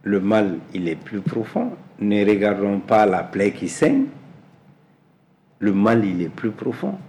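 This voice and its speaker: A man from Mali, answering as an interview guest in a measured way, repeating words as he searches for them. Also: on the low side, lively intonation, darkish tone, slight background noise. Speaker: guest, energy specialist.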